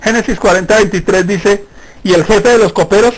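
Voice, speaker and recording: A man's voice: high-pitched, moderate pace, breathy edge, rough recording. A middle-aged Colombian pastor preaching a sermon in a conversational way, acting out the voices he quotes. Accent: Colombian Spanish.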